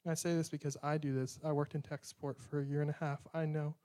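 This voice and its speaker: A man's voice: fairly high pitch, flat delivery, fast, mellow. A man preaching a conversational sermon, earnest and direct, acting out short prayers as he goes.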